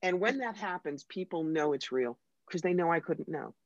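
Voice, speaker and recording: An American psychic medium, interviewed as a guest, tells stories in an animated, emphatic and wry way. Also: medium pitch, normal speed, crowd noise. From United States. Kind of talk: conversational interview storytelling. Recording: dry, slightly dull lo-fi sound.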